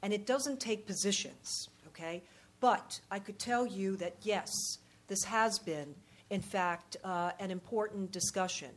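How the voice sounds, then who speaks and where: A woman giving unscripted answers at a public question session in a halting, measured, diplomatic way. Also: medium pitch. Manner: halting, measured, diplomatic, frequent pauses and repeated words. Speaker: panel speaker, policy expert or diplomat.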